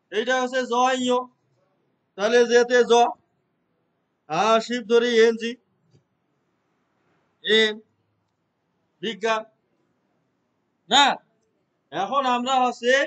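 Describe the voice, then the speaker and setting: This man teaches a computer class in a very high voice. He walks through each step slowly and keeps stopping to check that the class is following along. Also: pushed and bright, low-quality recording. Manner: explains step by step, checks understanding with repeated questions. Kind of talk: classroom lesson.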